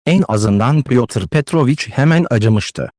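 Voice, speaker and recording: A man reading a classic novel aloud as an audiobook narrator, measured and expressive. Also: medium pitch, dry recording, studio quality. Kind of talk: scripted literary narration.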